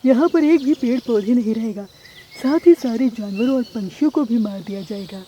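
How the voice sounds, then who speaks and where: A woman's voice: on the high side, normal speed, warm tone, highs cut off, a little hiss or hum, lightly acted. A woman voicing an anxious male green parrot in a cartoon, urgent in tone. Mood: worried.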